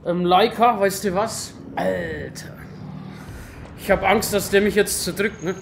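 A man with a Franconian German accent doing excited, casual gameplay commentary, full of loud exclamations. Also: high-pitched, normal speed, background noise. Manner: exclaims a lot, talks to his pet in the game. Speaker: let's player.

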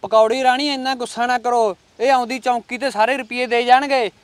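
A man's voice: very high voice, steady tone, brisk, clean tone, no room sound. A man acting a fake holy man who soothes and lectures devotees in a comedy short film. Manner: soothing, preachy.

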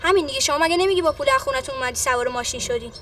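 A woman playing a sharp young sleuth who questions a man step by step. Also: sits high, very animated, distant mic, slight background noise, full character voice. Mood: probing. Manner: probing, logical questioning.

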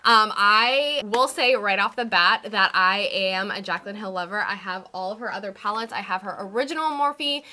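A young woman chatting excitedly through a makeup review, her voice a little stuffy from a cold. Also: medium pitch, moderate pace, hardly any pauses. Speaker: beauty vlogger. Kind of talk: casual makeup review chat.

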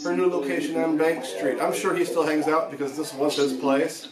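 Halting man in an echoey room. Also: fairly high pitch, steady tone. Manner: halting, many pauses. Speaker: spirit box session host. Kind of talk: casual vlog talk, addressing spirits. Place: small home room with guitars. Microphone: camera a few feet away across a desk. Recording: echoey room, distant mic, loud background chatter.

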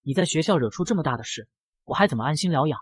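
A woman's voice: low-pitched, expressive, very fast, breathy edge, dry recording. A woman voicing a stern, dignified queen mother who scolds her son. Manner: solemn scolding.

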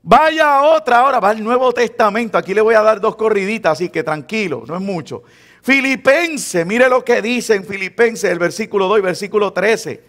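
This Puerto Rican preacher's voice sits high and sounds fairly bright as he delivers his sermon at a normal speed, animated throughout. He talks to the congregation conversationally, teasing them and performing the words of the believers he quotes.

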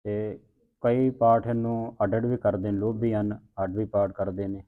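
A man's voice: lowish voice, fairly even intonation, moderate pace, phone-quality sound. A man with a Punjabi accent teaching scripture recitation, patiently correcting a student and modeling each phrase.

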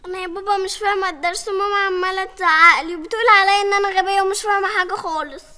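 A man's voice: extremely high pitch, steady tone, rapid-fire, sharp tone, voice pushed up, full character voice. A man voicing a young schoolgirl who whines to her father in a comic sketch. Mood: plaintive. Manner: complaining, plaintive. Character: young schoolgirl, whiny daughter.

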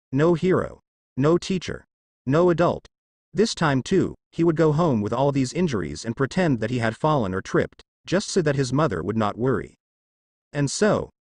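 A man narrates a scripted fan story with dramatic storytelling. His voice sits in a middle pitch but swings widely in tone. The recording is dry and close, with no room sound. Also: darkish tone, no room sound.

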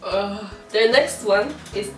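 A woman's voice: mid-range voice, takes it slowly, reverberant, recorded from a distance, faint music behind, rough recording. A woman who speaks Polish natively hosts a casual vlog, teaching Polish words to a friend with patient coaching and lots of giggling. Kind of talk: casual language-exchange chat.

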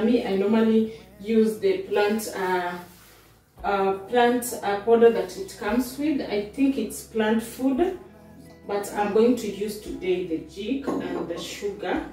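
A woman, calmly talking through her home cooking step by step, with many small pauses. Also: mid-range voice. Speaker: vlogger, stay-at-home mum. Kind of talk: casual cooking voice-over. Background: soft background music.

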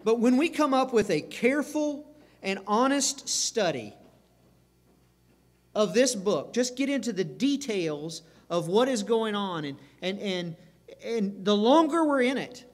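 A man's voice: high-pitched, sing-song, a little slow. A man preaching a sermon as pastor, earnest and emphatic, circling back over phrases. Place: church sanctuary. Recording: reverberant church sanctuary.

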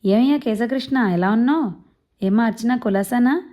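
A woman doing a loud, brisk old man. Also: fairly high pitch, lightly acted. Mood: hearty. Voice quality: ringing voice. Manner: rattles off fast regional village speech. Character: brisk, blunt old man in his seventies.

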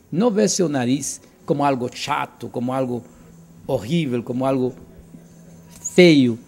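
A man's voice: on the high side, gravelly, darkish tone, breathy edge. An older man from Cuba, answering interview questions earnestly and emphatically, often repeating and restarting words, recorded indoors on a handheld mic. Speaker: interviewee, author. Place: living room, indoors. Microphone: handheld mic held by interviewer.

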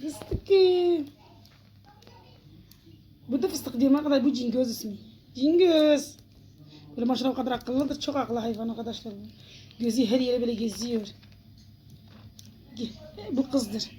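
A woman's voice: fairly high pitch, fairly even intonation, fast, pauses often, warm tone, slight background noise. A woman chatting casually in a home vlog, talking to viewers and calling and cooing to a cat. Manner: chatty, exclaiming, coos and calls to a cat. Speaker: home vlogger. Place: at home by an open door.

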